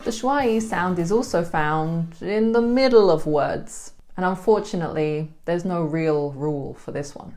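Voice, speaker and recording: Slow, careful British woman teaching pronunciation. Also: on the low side, darkish tone. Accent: British English. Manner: slow, careful, demonstrating words one by one. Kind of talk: pronunciation lesson.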